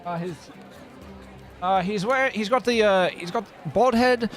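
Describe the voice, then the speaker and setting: A man's voice: high voice, unhurried, fairly bright tone, faint music behind. A man running a tabletop game as dungeon master, narrating hesitantly with many fillers.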